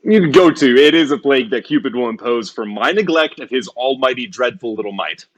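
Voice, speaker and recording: A man playing a witty, lovesick gentleman in a stage Shakespeare comedy, declaiming in a hammy theatrical way. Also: medium pitch, lively intonation, a little fast, natural voice. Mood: lovesick, resigned. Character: witty, lovesick gentleman railing at his own love.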